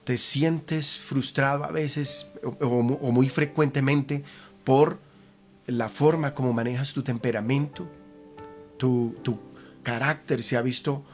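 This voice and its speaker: Guy pastor preaching, earnest, keeps repeating stuff and asking questions, bit of soft guitar underneath. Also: mid-range voice, steady tone, takes it slowly. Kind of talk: sermon.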